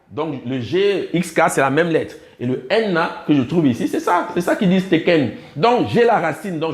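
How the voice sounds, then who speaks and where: A man lectures a room of students with a voice pitched a little high. He explains in patient steps and keeps quizzing the class to check they follow. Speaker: teacher.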